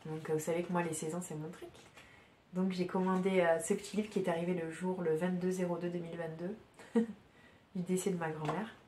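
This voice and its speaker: A woman hosting a podcast from home, chatting casually and haltingly, with many fillers and restarts. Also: fairly low pitch, level tone, roomy sound. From France. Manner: hesitant, many fillers and restarts, soft-spoken. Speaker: podcast host. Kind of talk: casual chat.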